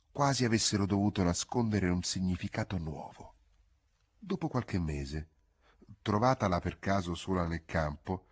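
Husky low-voiced man reading a novel. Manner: measured, expressive storytelling. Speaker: audiobook narrator. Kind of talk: literary audiobook reading.

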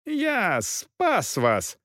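Male narrator voicing a hot-headed mercenary captain, yelling, lively pitch swings, dry sound. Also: unhurried, no room sound. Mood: shouting. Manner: shouting, taunting, indignant.

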